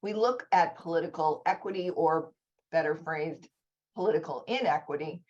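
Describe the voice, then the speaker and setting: A woman leads an online conference session in an informal, enthusiastic way, talking in quick bursts. Her voice sits a bit low for a woman. The call audio is dull and lo-fi. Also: darkish tone. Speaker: session presenter. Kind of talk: conference talk over video call. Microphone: video call.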